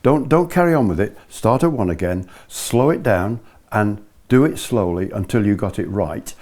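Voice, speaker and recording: Older male ski instructor, low and soft-edged, patiently walking a small group through technique step by step. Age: older, about 70s. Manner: patient, methodical, repeats key points. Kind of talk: hands-on lesson explanation to a small group. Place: living room, indoors.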